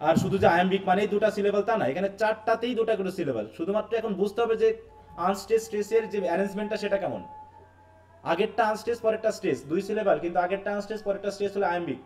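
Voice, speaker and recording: A man's voice: sits high, very fast, a little mellow, faint music behind. A man with a Bangladeshi Bengali accent teaching an English class, explaining by repetition and quizzing his students. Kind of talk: live online class.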